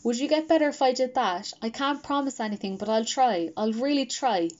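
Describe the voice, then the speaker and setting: A woman reading a worried father who gently pleads with his son. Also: a little high, a little fast, muffled recording, pitched above the performer's own voice, close to an everyday voice. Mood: pleading. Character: worried tender father of a boy.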